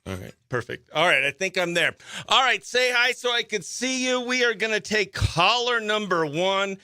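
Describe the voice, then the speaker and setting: Speaking at normal speed in a high-pitched, clean voice, a man hosts a morning radio show full of playful banter and giveaway patter. There's no room sound, just music faintly behind his excitable chatter.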